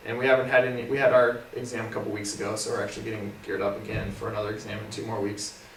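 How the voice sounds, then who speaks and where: A young man speaks in a mid-range voice, relaxed and casual, his phrase ends softening as he trails off. He is heard from some distance in an echoey room with faint background noise. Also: on the low side, racing. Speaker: co-host, physical therapy student. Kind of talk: casual study recap. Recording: roomy, far from the mic, faint noise.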